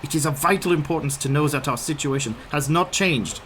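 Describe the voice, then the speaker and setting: A man's voice: a little high, a bit bright, a little hiss or hum, natural voice. Courteous, authoritative old professor played by a man. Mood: insistent. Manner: formal, deliberate, authoritative. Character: old male professor vampire hunter, courteous, determined. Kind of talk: radio play acting.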